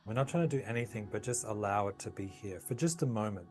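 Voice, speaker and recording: Low-voiced guy calmly walking you through tapping, soft music in the back. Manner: calm, slow, soothing guidance. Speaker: tapping practitioner. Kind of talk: guided tapping session.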